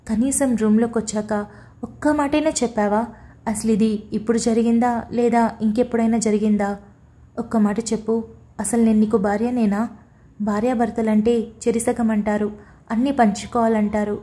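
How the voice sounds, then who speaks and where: A woman's voice: fairly high pitch, fairly even intonation, normal speed, mellow, natural voice. Woman voicing tearful fiery young wife. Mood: hurt. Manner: accusing, sobbing reproach. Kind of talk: audiobook character voice.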